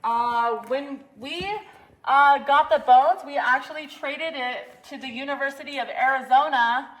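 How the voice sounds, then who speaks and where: A woman's voice: high-pitched, measured pace, fairly bright tone. A woman leading a cave tour in a casual, chatty way, her voice echoing off the cave walls. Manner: casual, chatty, gives safety reminders. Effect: cave echo. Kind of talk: guided tour talk. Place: inside a large cave. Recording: echoey cave voice from a distance, faint noise.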